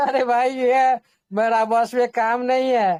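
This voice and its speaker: A man's voice: very high-pitched, flat delivery, slow pace, darkish tone, clear, resonant tone, no echo. A man hosting an online group meeting, explaining casually, repeating himself and reassuring the listeners while mixing in English terms.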